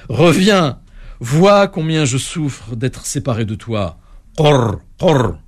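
A lovesick toad, as a male storyteller puts him on, wailing his sorrow between throaty croaks. The voice is husky and breathy, with a pleading storybook lilt. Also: mid-range voice, lively intonation, slow. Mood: lamenting. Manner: wailing lament with croaking sounds.

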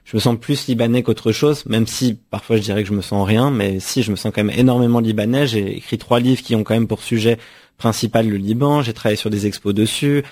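A man's voice: lowish voice, a little fast, a little mellow. A young man from France, an author answering radio interview questions in a thoughtful way, often restarting and repeating words. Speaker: author guest.

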